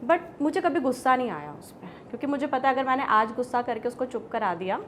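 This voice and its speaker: A woman teacher telling classroom stories in a relaxed conversational way, mixing Hindi and English and laughing often. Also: high-pitched, brisk, a little hiss or hum. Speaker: zoology teacher. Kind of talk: conversational storytelling.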